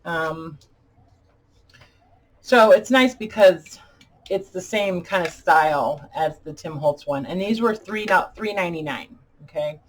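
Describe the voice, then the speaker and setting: A woman chatting casually as a craft video host, halting and deliberate, her speech slightly impeded by dentures as if her mouth were full of peanut butter. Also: on the low side. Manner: halting, deliberate, pausing often. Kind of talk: casual chat tutorial.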